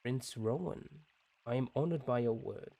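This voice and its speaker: A man voicing a solemn gatekeeper of a sealed gate, reading in a slow, formal way while playing a game. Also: mid-range voice, warm tone, no room sound, lightly acted.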